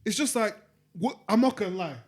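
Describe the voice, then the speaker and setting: Hedging young man, slightly higher voice. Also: a little fast, husky. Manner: hedging, repeats "I'm not gonna lie". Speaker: podcast co-host. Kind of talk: casual group chat.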